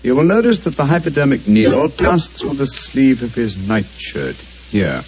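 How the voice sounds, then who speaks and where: An actor playing Sherlock Holmes, a brisk and commanding English detective, speaking in a crisp, precise and confident way in a radio drama. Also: male voice, medium pitch, very animated, darkish tone, lightly acted. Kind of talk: 1940s radio acting. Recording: muffled old radio broadcast, faint hiss.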